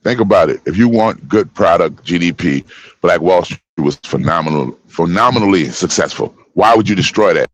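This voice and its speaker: A man in his fifties talking forcefully in a heated panel discussion, preaching in street slang. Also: low-pitched, animated, normal speed, no room sound. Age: 50s. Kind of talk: heated casual panel talk.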